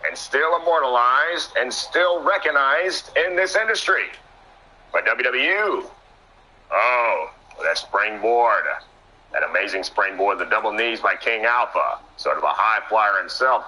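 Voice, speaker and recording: A man doing play-by-play wrestling commentary, excitable and stumbling over words, laughing at his own slips. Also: mid-range voice, slight background noise, low-quality recording.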